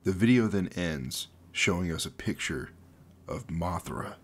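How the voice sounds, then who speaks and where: A young man with a deep voice and lively, unhurried delivery gives casual, jokey commentary as a YouTube host explaining a horror series. He mixes informal talk with dramatic read-out passages.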